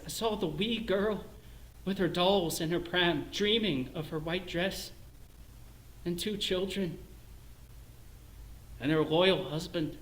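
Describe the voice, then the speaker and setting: Man doing a tormented Northern Irish office clerk, stage monologue, high-set voice, roomy echo. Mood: pleading, tender. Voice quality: intense, self-lacerating, shifts between hushed and shouting. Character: bitter middle-aged Belfast clerk in crisis. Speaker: stage actor in a one-man show. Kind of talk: theatrical monologue. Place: performance space, live stream.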